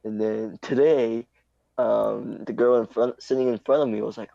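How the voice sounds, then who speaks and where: A man's voice: mid-range voice, fairly even intonation, normal speed, gravelly, dry recording. A man casually telling a rambling, profane story to friends on a podcast, stumbling over his words. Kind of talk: casual chat among friends. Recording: dull dry lo-fi sound.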